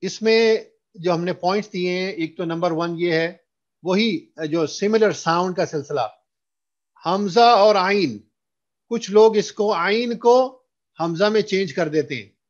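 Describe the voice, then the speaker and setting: A man with a fairly high voice teaches recitation at an unhurried pace. He mixes Hindustani and English, then draws out long chanted verses for his students to repeat. The sound is dull and lo-fi, like an online class.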